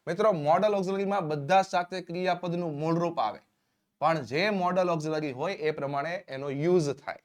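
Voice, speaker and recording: A man leads a spoken English lesson in a fairly high voice. He keeps things upbeat, cueing each new example and spelling out the English sentences slowly, word by word. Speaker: English teacher.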